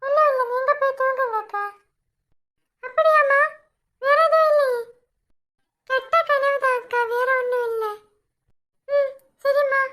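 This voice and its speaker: A woman's voice: extremely high pitch, steady tone, measured pace, long pauses, sharp tone, exaggerated voice. A woman voicing bickering, easily frightened young village women in a cartoon, with a Kanyakumari Tamil accent. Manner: squabbling, shrieking.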